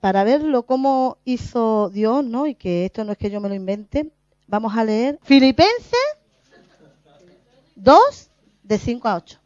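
A woman giving a lively spiritual testimony, laughing often and acting out her own past words. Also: on the high side, unhurried, pauses often, no echo. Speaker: lay preacher. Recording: dull, muffled dry recording.

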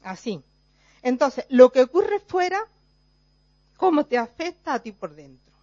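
A woman's voice: sits high, animated, unhurried, a little mellow, no room sound. A woman teaches a group informally. She explains step by step, checks in with "right?" after nearly every phrase, and acts out everyday examples. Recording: dull, dry, lo-fi recording.

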